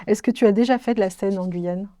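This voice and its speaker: A woman conducting an interview at a middle pitch. Her tone is warm and mellow, and her voice sounds dry and close, as she asks polite questions and answers with brief agreement. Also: fairly quick, dry recording.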